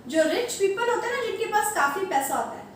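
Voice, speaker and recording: A woman's voice: very high-pitched, lively intonation, a little fast, recorded from a distance. A woman teacher with an Indian English accent, giving an online grammar class to young children and spelling words out letter by letter. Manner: spells words letter by letter, calls pupils beta. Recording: echoey room, away from mic, faint background hum.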